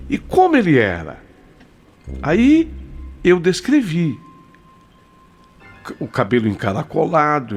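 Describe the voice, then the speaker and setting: A man telling a mysterious story in the first person, in a dramatic, suspenseful way with frequent pauses. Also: mid-range voice, darkish tone. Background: background music.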